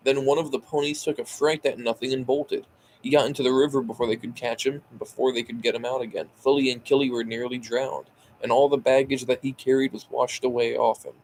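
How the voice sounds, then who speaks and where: A man's voice: medium pitch, little pitch movement, fairly quick, a little mellow, a little hiss or hum, rough recording. Tired man reading a book aloud, sighing. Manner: sighing, stumbling over words and correcting himself. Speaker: amateur audiobook reader. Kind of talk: casual amateur book reading.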